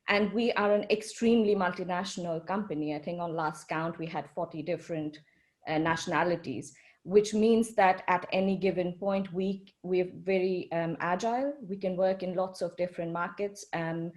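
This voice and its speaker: A woman architect speaking as a panelist, thoughtful, with frequent pauses and ums. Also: lowish voice, steady tone, a little mellow. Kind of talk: panel discussion.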